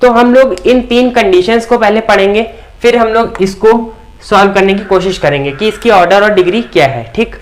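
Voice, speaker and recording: High-voiced man teaching maths. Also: moderate pace. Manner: repeats "theek" checks, asks questions and answers them himself. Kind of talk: whiteboard maths lecture.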